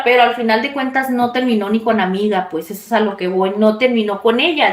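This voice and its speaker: A woman, telling a personal story to her viewers in a chatty, confiding way. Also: a little high. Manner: chatty, confiding, animated retelling. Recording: echoey room.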